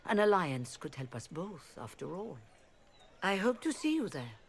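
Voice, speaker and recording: An actress playing a courteous mage envoy who speaks. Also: female voice, on the low side, very animated, moderate pace, slight background noise. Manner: courteous, formal diplomatic tone. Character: polite mage envoy with a French flourish.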